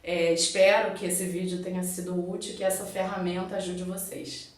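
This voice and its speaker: A woman's voice: fairly low pitch, flat delivery, normal speed. A woman psychologist with a Brazilian Portuguese accent, giving an online video lesson and patiently explaining step by step with examples. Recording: very echoey room, voice far from mic.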